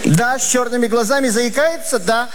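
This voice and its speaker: A man delivering a comic monologue in a deadpan, wry, mock-confessional way. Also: very high-pitched, normal speed, a little hiss or hum. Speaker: comic performer.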